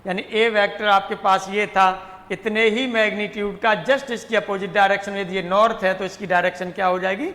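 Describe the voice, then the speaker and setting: Man, math teacher, high voice, repeats terms, reverberant room. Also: flat delivery, normal speed, pushed and bright. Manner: repeats terms and asks himself questions. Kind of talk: classroom lecture.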